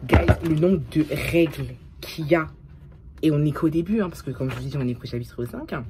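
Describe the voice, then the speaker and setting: A tired young woman with a low voice chats casually to her camera, swearing freely and slipping English phrases into her talk. A faint hiss sits under the recording. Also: moderate pace. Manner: chatty, swears often, mixes English phrases into her French. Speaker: vlogger. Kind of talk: casual vlog chat.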